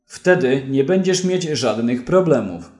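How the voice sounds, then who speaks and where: A man voicing a corrupt policeman who talks quietly and steadily, giving commands. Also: medium pitch, lively intonation, unhurried, echoey room, close to an everyday voice. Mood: calm, commanding. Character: calm, menacing corrupt male policeman.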